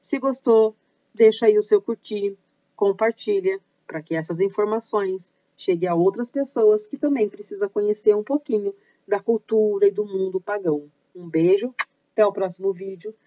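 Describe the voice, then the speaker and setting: In this casual explanatory video, the host of a pagan culture channel speaks with a Brazilian Portuguese accent, chatting along and stopping now and then to explain or fix what she said. She has a warm, medium-pitched voice at a moderate pace, captured in a dry recording that lacks the upper frequencies.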